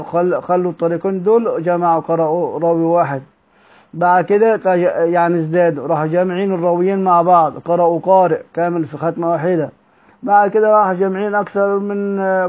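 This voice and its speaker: A man with an Egyptian accent lectures on recitation in a high voice, reading from a classical text and then explaining it. He repeats himself and fills pauses with long "aah" sounds. The sound is thin and tinny, like a phone line. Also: fairly even intonation. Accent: Egyptian Arabic. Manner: explanatory, repeats words, frequent "aah" fillers. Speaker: teacher of Quran recitation.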